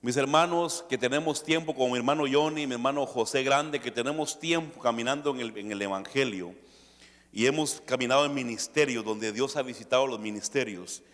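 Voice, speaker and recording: A male pastor preaching a sermon, shifting between quiet asides and loud emphatic peaks. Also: mid-range voice, fairly quick. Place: church hall. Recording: long hall reverb.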